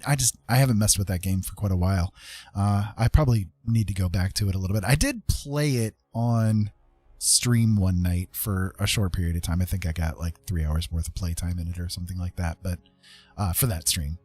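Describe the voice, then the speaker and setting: With music in the background, a middle-aged man who livestreams his digital art talks casually to viewers in a rambling, hesitant way. He has a fairly low, slightly mellow voice.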